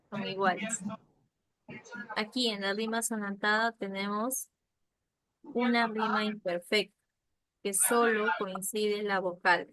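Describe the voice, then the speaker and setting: A woman's voice: medium pitch, fairly bright tone, a little hiss or hum, poor audio. A woman teaching a literature lesson, explaining patiently with examples and often checking in with a questioning "ya?".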